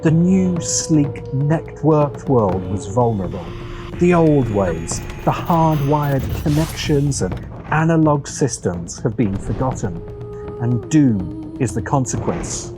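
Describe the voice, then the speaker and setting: In the style of a video essay host, a man delivers scripted commentary with big pitch swings, marking off phrases with dramatic, deliberate pauses. Background music is clearly audible behind him.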